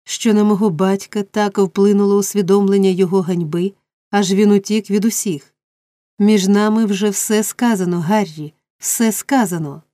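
A woman's voice: medium pitch, steady tone, moderate pace, mellow, no room sound, studio quality, lightly acted. A woman reading a resolute, tearful young woman. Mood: distressed. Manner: firm yet emotional. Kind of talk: audiobook character reading.

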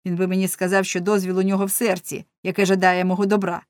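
A woman voicing a fiery young male prankster who loudly and urgently harangues a crowd. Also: mid-range voice, flat delivery, fast, no room sound, studio quality, close to an everyday voice. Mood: mocking. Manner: loud, urgent, indignant preaching.

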